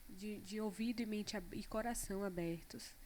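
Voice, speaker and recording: A woman talking in a relaxed conversation, reflective, with frequent fillers. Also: mid-range voice, moderate pace, slight background noise. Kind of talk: casual conversation.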